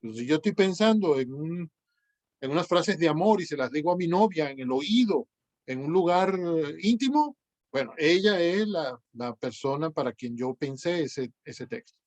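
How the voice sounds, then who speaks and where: A man's voice: on the high side, expressive, normal speed, darkish tone, no echo. A man lecturing his class over a video call, explaining step by step with many fillers and self-corrections. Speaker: teacher.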